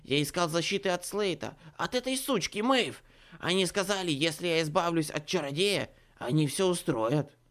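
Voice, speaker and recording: A man's voice: fairly high pitch, expressive, normal speed, a bit bright, pitched above the performer's own voice. A man voicing a bearded, cowardly male changeling who pleads frantically in an audiobook. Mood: panicked. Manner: pleading, frantic, near sobbing. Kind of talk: audiobook character voice.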